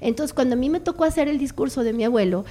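Warm-toned woman reflecting. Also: high-pitched, expressive, fast talker. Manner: reflective, storytelling, many fillers. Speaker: guest. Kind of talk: radio talk show conversation.

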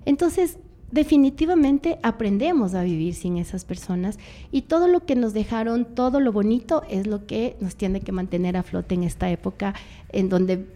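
A woman's voice: mid-range voice, animated, moderate pace, dark tone. A middle-aged woman, a guest on a radio talk show, telling reflective stories with many fillers.

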